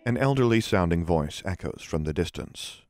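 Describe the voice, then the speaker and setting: Man narrator, very low voice, measured reading of stage directions, faint music. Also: expressive, a little mellow, no echo, clean studio sound.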